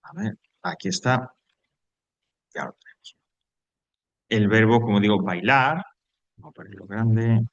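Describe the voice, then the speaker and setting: A man's voice: fairly low pitch, animated, moderate pace, vocal fry, no echo, dull audio. Patient man teaching English grammar. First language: Spanish. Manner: patient, repeats rules step by step. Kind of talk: recorded online grammar lesson.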